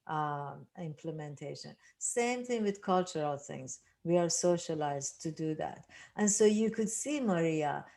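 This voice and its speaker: A woman's voice: fairly low pitch, a little mellow. An older woman from Iran leading a grief workshop, speaking earnestly with many restarts and rhetorical asides. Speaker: workshop facilitator. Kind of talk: reflective teaching talk.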